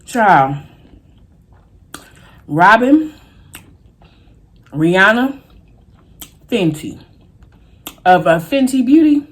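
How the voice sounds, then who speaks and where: A woman chatting casually and colloquially to viewers while eating crunchy fried chicken in a mukbang vlog. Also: medium pitch. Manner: folksy, colloquial, drawn-out exclamations. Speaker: mukbang vlogger.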